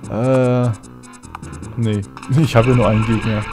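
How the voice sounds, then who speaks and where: A man talking casually over his game, with chatty asides and mumbled thoughts. His voice sits at an ordinary middle pitch. Faint music plays behind him. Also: level tone, a little slow. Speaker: let's play gamer.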